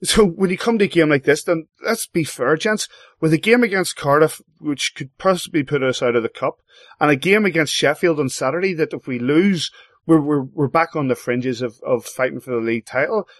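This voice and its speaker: A host leads a hockey chat with an animated delivery, his pitch jumping on key words. His voice sits a little high. The recording is dry and close. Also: brisk, dry recording. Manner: animated, swoops up in pitch when stressing points. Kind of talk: casual sports chat.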